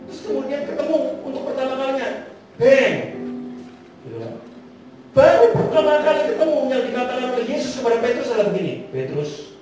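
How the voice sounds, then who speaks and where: A fairly high-voiced man gives a lively sermon, often leaping up in pitch and volume before sinking to near-whispers. He sounds far from the mic in a large, strongly echoing hall. Soft music plays underneath. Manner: animated, swings between loud and hushed. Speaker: speaker.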